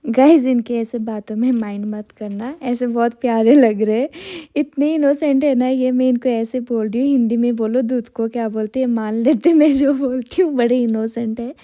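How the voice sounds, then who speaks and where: A woman's voice: a little high, steady tone, moderate pace, few pauses, dark tone. A woman who owns a salon, narrating her day in a chatty vlog and talking to her viewers between stories. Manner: chatty, talks nonstop, friendly asides to viewers. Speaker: salon owner vlogger.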